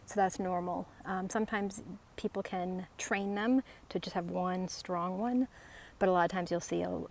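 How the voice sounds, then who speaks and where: Walking along a residential street, a woman hosting a tree identification vlog talks casually to the camera in a medium-pitched voice. She explains things in short, halting, conversational phrases, with faint outdoor noise behind her.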